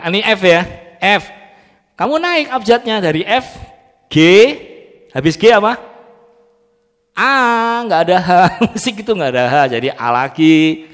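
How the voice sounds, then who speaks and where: A man runs a music training class and keeps quizzing his students on letter names and solfege syllables. His voice sits a little high for a man. A long reverb from the hall trails after his words. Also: fairly bright tone. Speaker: music teacher. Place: church training room.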